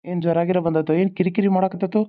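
A woman's voice: lowish voice, fairly even intonation, racing. A woman as a grave village doctor, tinny sound. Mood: concerned. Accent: North Karnataka Kannada. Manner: grave, soothing, lecturing. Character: kindly village doctor, older man. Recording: lo-fi phone-like sound.

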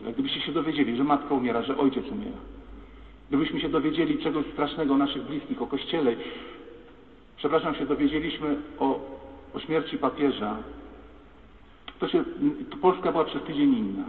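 A man, a priest, giving an animated sermon that speaks straight to his congregation. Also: a little high. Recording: far-off mic in echoey church, phone-like sound.

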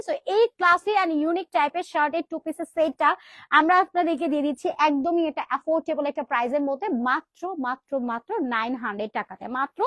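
A woman's voice: high voice, no echo. A young woman with a Bangladeshi accent presenting clothes on a live sales stream, chatty and sprinkling in English words. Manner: chatty, mixes in English words, calls viewers "sister".

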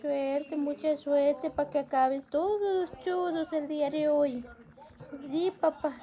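A woman, talking softly and tenderly to her family in a casual home vlog. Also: high voice, takes it slowly, highs cut off. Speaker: vlogger.

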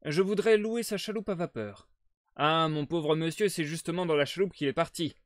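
A man voicing a vigorous, worried boatman's wife and mother, in a loud, high, pleading voice. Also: moderate pace, no echo, clean studio sound, close to an everyday voice.

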